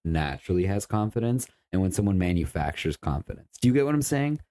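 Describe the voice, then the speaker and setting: Low-voiced, crude young podcast host. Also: male voice, sing-song, fast talker, dark tone, no echo. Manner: crude, boastful, swears a lot. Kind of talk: casual chat.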